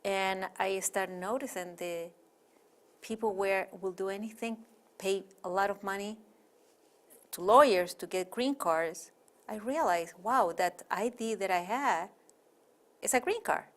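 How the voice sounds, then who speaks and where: This interview guest is a middle-aged woman from Chile whose native language is Spanish, and she speaks with a Chilean Spanish accent. Her voice sits in the mid range and moves at a measured pace as she chats and rambles with plenty of fillers.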